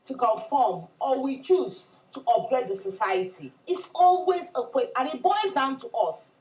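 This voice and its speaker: A woman's voice: sits high, expressive, moderate pace, a little mellow, reverberant, recorded from a distance, rough recording. A woman, a lawyer guest on a talk show, speaking in a reflective, persuasive way. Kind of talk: studio interview answers.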